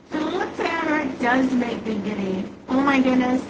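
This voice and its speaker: A woman's voice: sits high, takes it slowly, dull audio, heavy background noise. A woman hosting a live sewing demonstration, chatting casually to herself and viewers as she works. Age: adult with a child. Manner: chatty, talks to herself while working. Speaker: quilting shop host.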